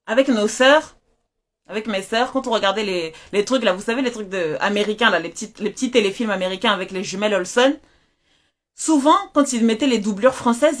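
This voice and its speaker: A woman hosting a live stream as a self-confidence coach, talking in an animated, emphatic way, repeating phrases and asking viewers questions. She speaks through a mask. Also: fairly high pitch, a little fast. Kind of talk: motivational live-stream talk. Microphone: wearing a mask while speaking.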